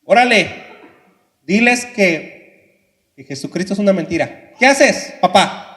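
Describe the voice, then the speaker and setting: A man voicing a cruel soldier who shouts threatening demands. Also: sits high, fast talker. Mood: menacing. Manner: loud taunting demands. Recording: echoey hall reverb.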